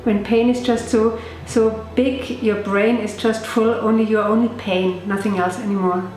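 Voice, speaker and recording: A woman's voice: medium pitch, little pitch movement, measured pace, a little mellow, soft background music. A middle-aged woman giving an earnest testimonial in a small clinic room, often searching for words. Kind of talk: interview testimonial. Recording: very echoey room.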